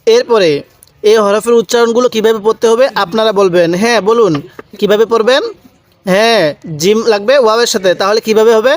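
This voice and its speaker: High-voiced man teaching slow recitation. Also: steady tone. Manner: drawn-out syllables, repeats each sound and asks the viewer back. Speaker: Quran reading teacher. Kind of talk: slow, patient recitation lesson.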